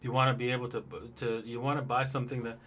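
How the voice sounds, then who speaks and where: A man's voice: mid-range voice, flat delivery, quick pace, a bit bright, a little hiss or hum. A man hosting a casual livestream, talking loosely and in a rambling way straight to his viewers as he looks over charts. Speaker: livestream host.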